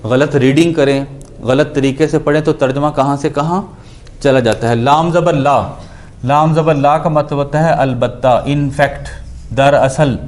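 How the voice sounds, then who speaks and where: A man's voice: a little high, steady tone, darkish tone. A man teaching Quranic Arabic grammar, explaining each word and posing questions he then answers himself. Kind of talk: Urdu lecture on Quranic grammar.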